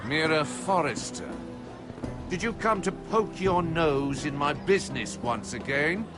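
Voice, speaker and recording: An actor voicing a menacing, scheming lord in a video game, haughty and threatening. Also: male voice, fairly high pitch, lively intonation, measured pace. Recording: music behind the voice.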